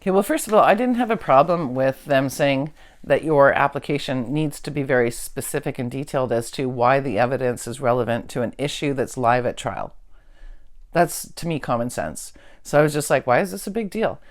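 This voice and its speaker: A woman's voice: extremely low pitch, brisk. A woman legal researcher in a casual discussion, talking emphatically and slipping into mock voices when she quotes others.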